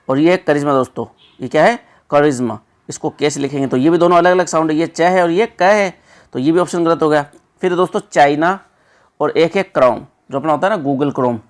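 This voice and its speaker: A man, teaching as an exam prep tutor and explaining the answers step by step. He keeps repeating words and checks in with his listeners again and again. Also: on the high side. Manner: repetitive, checks in with 'theek hai' and 'doston'.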